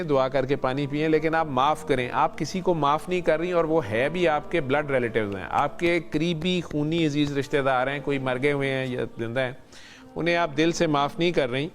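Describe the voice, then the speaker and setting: A man speaking as a spiritual healer on a podcast, giving calm advice and often repeating phrases like a sermon. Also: a little high, faint music behind.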